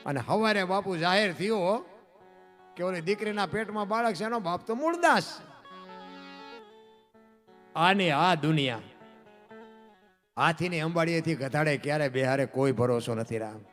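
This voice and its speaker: A man's voice: on the high side, normal speed, long pauses, soft background music. A man telling a devotional folk story, swinging his voice up and down from line to line. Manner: animated, rises and falls sharply between lines. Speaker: dayro storyteller.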